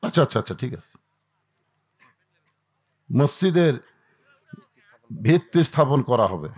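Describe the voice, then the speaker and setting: A man's voice: medium pitch, very animated, a little slow, a little mellow, husky. A man, preaching a waz sermon to a crowd, acting out dialogues and calling for the crowd to answer. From Bangladesh. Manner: dramatic storytelling, acting out dialogues, calling for audience responses.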